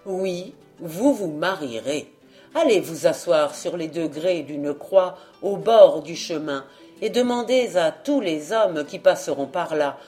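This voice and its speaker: A woman reading an audiobook, voicing a stern guardian angel who speaks low, quiet and solemn. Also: lively intonation, slow, faint music behind. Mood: firm.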